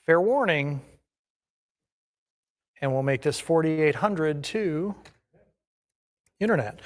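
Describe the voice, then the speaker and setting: Higher-pitched male auctioneer calling bids. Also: lively intonation, slow pace. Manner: repetitive chant of numbers and bid increments.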